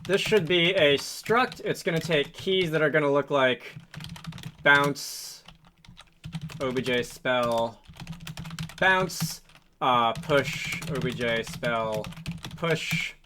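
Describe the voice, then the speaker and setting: With a voice on the high side and a sharp tone, this game developer walks slowly through a casual programming tutorial, leaving long pauses. He thinks aloud in a hesitant, meandering fashion, often correcting himself. Typing and mouse clicks fill the background along with slight noise.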